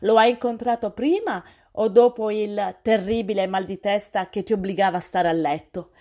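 A woman's voice: mid-range voice, moderate pace, dark tone, natural voice. A sarcastic young man, voiced by a woman reader presses with pointed questions in an audiobook. His tone is drily suspicious and probing.

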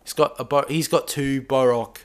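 A man giving a casual hands-on toy review in a dim room, talking in a rambling, halting way with many restarts. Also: mid-range voice, fairly even intonation, slight background noise.

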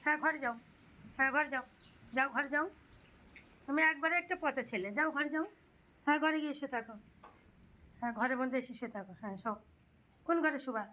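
A high-pitched woman from West Bengal pleads with her dog again and again, her tone swinging between soft pet talk and mock scolding, as a parent would with a child. She talks casually and keeps repeating herself while filming her pet at home in the rain. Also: fast talker, pauses often, rough recording. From West Bengal, India. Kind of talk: coaxing a dog in casual speech.

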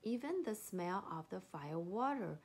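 A woman reading a children's animal story aloud, slow and expressive. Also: medium pitch, slightly rough.

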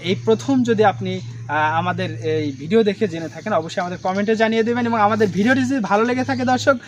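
A man hosting a casual explainer video for viewers, talking haltingly with many drawn-out fillers. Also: sits high, slight background noise. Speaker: video host addressing viewers.

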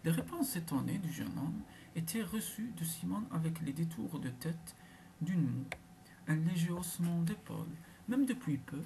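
Deep, gravelly woman reading a tale. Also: animated, normal speed, noisy background. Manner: hushed, half-whispered storytelling. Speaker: narrator. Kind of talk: literary audiobook reading.

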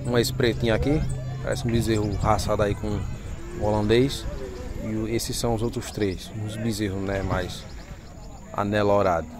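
Brief: lowish male vlogger calling out cattle lots and prices outdoors, music bed underneath. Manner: announces lots and asking prices to viewers. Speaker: vlogger touring a cattle fair. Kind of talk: casual market walk-through. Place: outdoor cattle pens at a livestock fair.

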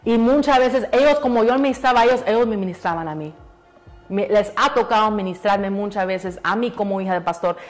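Woman, pastor's daughter guest; earnest preachy testimony, repeats for emphasis, soft music faintly underneath. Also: medium pitch, fairly quick. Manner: mixes in English words. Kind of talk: emotional testimony in a church interview.

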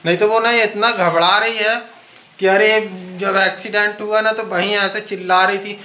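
A man's voice: sits high, steady tone, normal speed, bright, forceful tone, roomy sound. A man chatting casually to viewers in a home vlog, filming on his phone in the kitchen. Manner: chatty, addresses viewers as friends. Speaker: vlogger.

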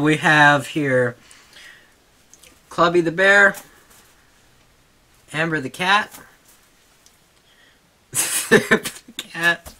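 Guy at home going through his collection real slow, keeps laughing and talking to his dog, bright voice. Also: on the high side. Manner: chuckling, easily distracted, talks to his dog between items. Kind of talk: casual home video show-and-tell.

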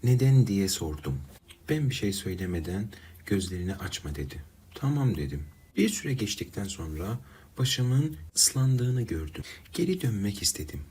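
Deep, husky man narrating a sad story. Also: very animated, moderate pace, darkish tone. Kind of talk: first-person storybook narration.

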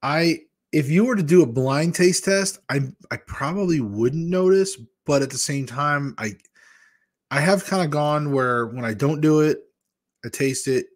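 This weight-loss vlogger, a Michigan man in his fifties, hosts a casual live chat from a small room at home, talking into a large desk microphone set in front of a webcam. His voice is fairly high with lively intonation and a slightly slow pace. He's candid and drifts from one story to another.

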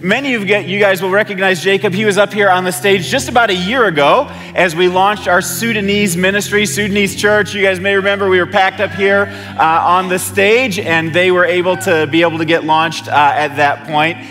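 A man's voice: sits high, steady tone, fairly quick, hardly any pauses, bright, forceful tone, in a large hall. A middle-aged man, a pastor, presenting a church gift from the stage in an upbeat way. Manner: upbeat, cheering. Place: church stage, then a parking lot. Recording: music playing behind.

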